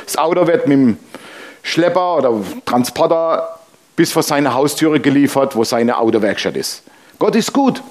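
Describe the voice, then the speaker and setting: A man preaching from the pulpit in a somewhat high voice, moving between relaxed conversational storytelling and emphatic appeals. He fires rhetorical questions at his congregation and punctuates his points with a ringing "Amen". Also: moderate pace. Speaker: pastor. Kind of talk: sermon with anecdotes.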